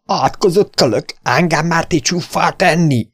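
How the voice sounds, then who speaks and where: A man voicing a loud, bull-necked saloon bully who jeers and shouts. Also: fairly high pitch, very animated, vocal fry, pitched above the performer's own voice. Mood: jeering.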